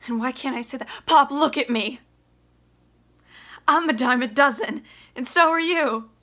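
A young woman acts out a bitter, desperate son in a stage drama monologue, confronting his father. The delivery is emphatic and confrontational, with a bright, forceful edge. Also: fairly even intonation, moderate pace. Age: young adult. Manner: emphatic, confrontational, swinging from low to shouting. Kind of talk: theatrical audition monologue. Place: small plain room indoors.

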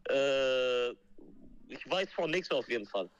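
On a phone call played into a stream, a man with a mid-range, expressive voice talks slowly and casually in street slang sprinkled with Arabic words. The call sounds dull and band-limited.

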